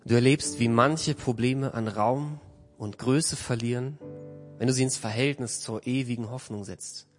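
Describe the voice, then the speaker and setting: A man preaching a sermon in an earnest, measured way, letting his phrases trail off softly. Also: mid-range voice, faint music behind.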